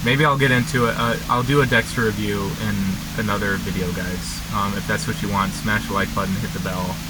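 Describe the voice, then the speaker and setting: A young man chatting casually and unscripted to camera, halting and often interrupting himself as he rambles. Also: lowish voice, fairly even intonation. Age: young adult. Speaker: vlogger. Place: inside a parked car. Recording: background noise, vehicle ambience.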